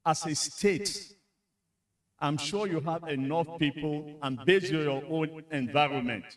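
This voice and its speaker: A man's voice: mid-range voice, a bit bright. Nigerian guy giving a chatty, candid talk to civil servants, lots of uhs, mic a bit far off in a conference hall. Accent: Nigerian English. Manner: frank, conversational, frequent fillers. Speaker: speaker at a civil service retreat. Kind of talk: conference speech.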